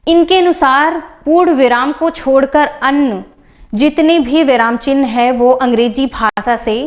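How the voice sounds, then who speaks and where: A woman teacher with a slightly high voice gives a grammar lesson over slides. She explains each point by repeating and rephrasing it, slowing down on her examples. When she lists items, she goes through them one by one in a measured classroom tone.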